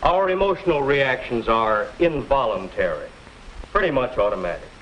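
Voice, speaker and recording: A patient, measured teacher from a 1950s classroom film. His lively, rising and falling voice walks students through each point. The sound is muffled and carries a faint hiss. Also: medium pitch. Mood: explaining. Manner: calm, measured explaining. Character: patient male teacher explaining emotions to students. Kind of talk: 1950s educational film acting.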